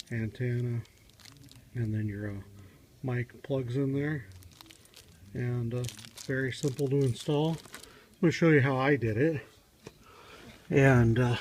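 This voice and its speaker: The recording comes from a handheld phone moved around a car in a home garage, so it's noisy with a distant mic. On it, a hobbyist car DIY demonstrator with a darkish, mid-range voice gives a rambling, halting, matter-of-fact how-to without a script.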